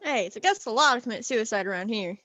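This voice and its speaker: A skittish bridge keeper played by a woman in a radio play, high and swooping in pitch, with a close, dry sound. The manner is blunt and suspicious. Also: animated, fast talker, pushed and bright, no echo. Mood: alarmed, suspicious.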